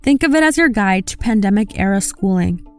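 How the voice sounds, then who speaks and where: A woman hosting a podcast, reading a scripted outro in a clear, measured way. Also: mid-range voice, lively intonation, darkish tone. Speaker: podcast host. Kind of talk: scripted narration.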